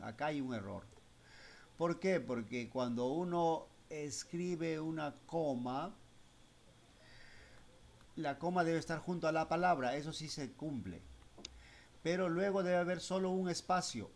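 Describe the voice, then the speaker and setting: A man from Spanish-speaking Latin America teaches a class of children in a screen-recorded software lesson, patiently explaining a computer program step by step and asking questions as he goes. His voice is a little high and creaky, with slight background noise.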